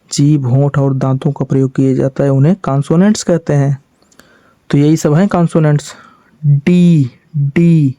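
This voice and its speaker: A man's voice: a little high, warm tone, dry recording. A man explaining a lesson patiently, repeating each point and asking the listener questions as he goes. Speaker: English teacher. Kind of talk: classroom-style explanation.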